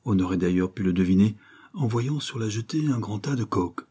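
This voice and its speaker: A man reading a novel aloud as narrator in a steady, measured way. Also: lowish voice, breathy edge. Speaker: audiobook narrator. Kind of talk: scripted narration.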